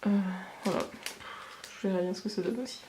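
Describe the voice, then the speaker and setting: A woman chats through a casual beauty haul review, hesitating often as she talks. Her voice sits at a middle pitch and bounces around an echoey room, with steady background noise behind her. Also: brisk. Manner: chatty, many fillers and hesitations. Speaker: beauty vlogger.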